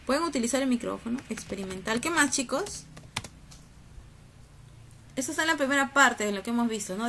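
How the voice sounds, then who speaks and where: A woman's voice: sits high, pushed and bright, slight background noise. A woman teacher lecturing students on a video call, coaxing and teasing them with questions. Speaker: university teacher. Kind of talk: online class lecture.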